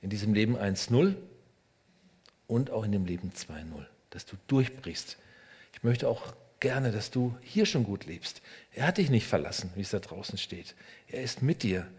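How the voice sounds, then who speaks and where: A man preaching a sermon in short phrases, speaking straight to the listener and swinging between loud emphasis and hushed, almost whispered lines. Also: lowish voice, expressive, moderate pace, slightly rough. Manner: addresses the listener directly and personally. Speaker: pastor.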